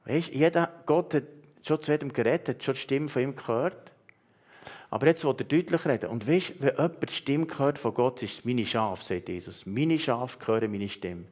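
Swiss German male pastor, earnest, personal prophetic sermon delivery with halting pauses. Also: mid-range voice, lively intonation, darkish tone. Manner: earnest, addresses listeners directly, many hesitations.

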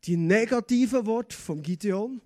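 High-voiced preacher. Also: male voice, a little slow. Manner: lively preaching, reads scripture with acted voices. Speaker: pastor. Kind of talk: sermon.

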